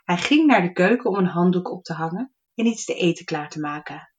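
A woman recommending a children's fairy tale and reading an excerpt aloud in a lively storytelling manner. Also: on the low side, fairly quick, slight background noise. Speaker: book reviewer.

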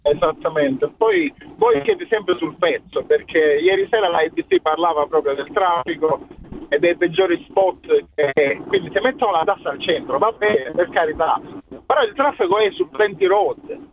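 A man with a Sicilian accent speaks on a tinny phone line from a noisy car. His voice is fairly high and very animated, in the loose, spontaneous style of a radio caller. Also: moderate pace. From Italy, a small village. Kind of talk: casual spontaneous chat. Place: in a moving car. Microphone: phone call.

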